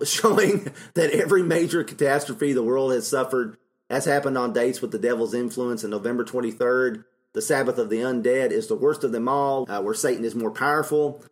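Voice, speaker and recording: A man co-hosting a podcast, talking casually about a film and filling his talk with "you know" and laughs. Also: mid-range voice. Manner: rambling, with many fillers and laughs. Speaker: podcast co-host.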